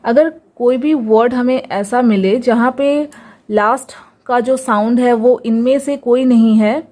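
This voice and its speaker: Speaking in Hindi, a woman gives an English pronunciation lesson, repeating each example word with patience and throwing in rhetorical questions. Her voice sits a little high and has a dark tone.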